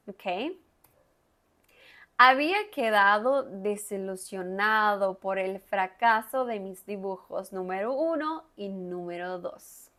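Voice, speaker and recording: Slow, deliberate woman Spanish teacher. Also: medium pitch, fairly bright tone. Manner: repeats words slowly and stresses sounds hard. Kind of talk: guided reading lesson with pronunciation drills.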